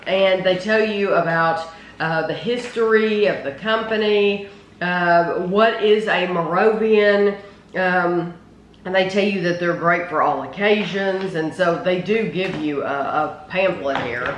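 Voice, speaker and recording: A man with a high-pitched voice talks through a casual taste test. He sounds like a food reviewer chatting at a table. The room is echoey, with some noise behind him. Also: a little slow, a bit bright. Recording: roomy echo with clear background noise.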